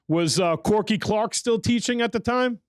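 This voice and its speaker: A man's voice: high voice, normal speed, no room sound. A man hosting a casual podcast interview, telling stories with lots of fillers. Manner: rambling storyteller, many fillers. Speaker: podcast host.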